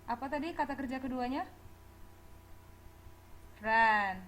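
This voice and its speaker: A woman with a fairly high voice teaches a class, switching between Indonesian and English. She drills verb forms and pronunciation and laughs lightly along the way. A faint hiss sits behind her. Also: unhurried, low-quality recording. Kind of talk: classroom lecture.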